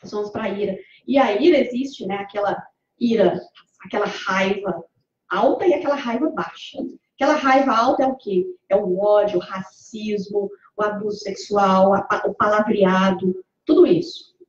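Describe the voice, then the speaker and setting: A woman's voice: mid-range voice, normal speed. A woman from Brazil giving a conversational religious talk. She asks the audience questions and acts out quoted speech. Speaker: speaker giving a Spiritist talk. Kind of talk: lecture to a congregation. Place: community hall. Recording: far from the mic, echoey hall, dull lo-fi sound.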